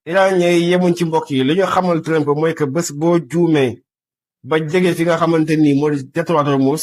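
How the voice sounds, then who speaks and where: Senegalese man delivering breaking news, higher-pitched voice. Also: a little mellow, no echo. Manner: repetitive, addresses listeners often. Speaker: online news presenter.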